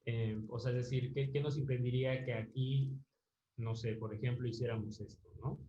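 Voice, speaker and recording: Teaching music theory online, this man speaks at a normal speed in a steady, mellow, medium-pitched voice, patiently working through explanations with fillers and frequent tag questions to check on students. The audio is dull, roomy, and lo-fi, with a little hiss or hum.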